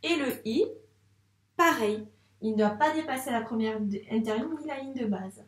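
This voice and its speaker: A woman teacher guides young children through a handwriting lesson in a patient, encouraging way, talking straight to the child. Her voice sits fairly high. The recording sounds roomy and echoey, with her standing a little away from the microphone. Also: far from the mic. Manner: slow, patient, encouraging, addresses the child directly. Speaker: first-grade teacher.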